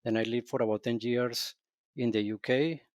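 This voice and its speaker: A man speaks as a podcast guest, thoughtful and measured, sometimes restarting a phrase. His voice sits at a middle pitch. The sound is dry and close, with no room around it. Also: steady tone, darkish tone, no room sound. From Colombia. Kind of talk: podcast interview.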